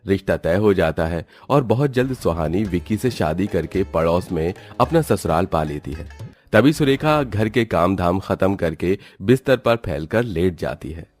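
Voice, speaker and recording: Deep-voiced male story narrator. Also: moderate pace, no room sound, soft background music. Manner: steady, plain storytelling. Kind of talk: scripted cartoon story narration.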